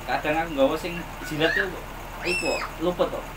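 A man's voice: on the high side, normal speed. A man, chatting at length as a barbershop customer. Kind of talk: casual chat. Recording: distant mic with loud background noise.

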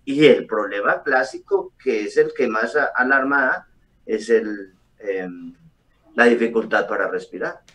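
A middle-aged man, a doctor, explaining calmly over a video call with frequent hesitations. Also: on the low side, a little slow. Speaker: doctor guest. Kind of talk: explanatory interview answers. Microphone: webcam on a video call. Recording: distant video call audio.

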